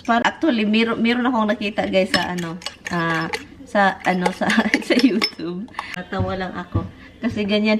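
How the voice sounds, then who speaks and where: A woman's voice: a little high, background noise. A middle-aged woman from the Philippines with a Visayan accent, chatting casually and giggling as she vlogs at home. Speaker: vlogger. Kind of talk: casual chat to camera.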